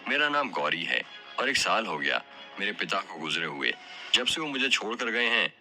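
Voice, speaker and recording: A man's voice: lowish voice, very animated, moderate pace, pushed and bright, faint music behind, exaggerated voice. A man voicing a poor but proud young village woman in an audio story, speaking sweetly and politely. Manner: sweet, polite, self-respecting.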